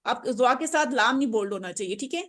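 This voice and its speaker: A woman teaching Quran recitation in a lesson, patiently repeating words slowly for her pupils, speaking words. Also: fairly high pitch, lively intonation. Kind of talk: online tajweed lesson.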